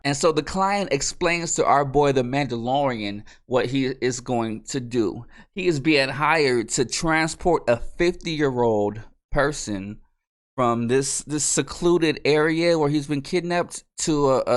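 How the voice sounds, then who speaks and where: Excitable young man recapping a show. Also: mid-range voice, measured pace. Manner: excitable, rambling, slangy, self-correcting. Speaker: show review host. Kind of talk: casual recap and review.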